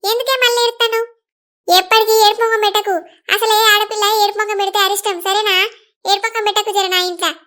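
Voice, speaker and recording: A bossy village mother-in-law barks orders in a high, bright cartoon voice, played by a woman. She scolds everyone around her. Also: steady tone, quick pace. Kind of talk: cartoon voice acting.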